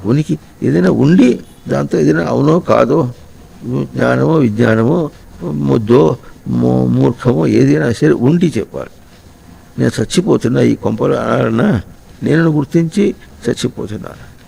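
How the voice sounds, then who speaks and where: A man giving a slow, reflective spiritual discourse to householders, often pausing to ask his listeners questions. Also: medium pitch, gravelly, mellow, husky, low-quality recording. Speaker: spiritual teacher.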